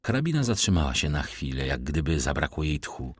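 A man narrating a classic novel audiobook with expressive, varied delivery. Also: a bass voice, fairly quick, slightly rough, dry recording, studio quality.

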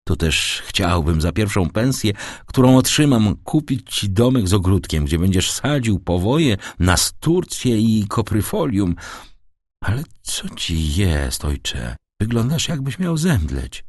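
A man's voice: fairly low pitch, very animated, slow, darkish tone, no room sound, studio quality, exaggerated voice. A man voicing an eager young sailor son who speaks earnestly and urgently. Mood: anxious.

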